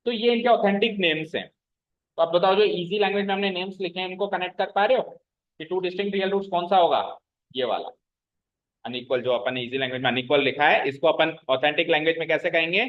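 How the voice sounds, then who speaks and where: High-voiced man teaching maths to a class. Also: highs cut off. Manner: checks understanding with frequent questions to the class; explains slowly, repeating key terms. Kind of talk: classroom lecture.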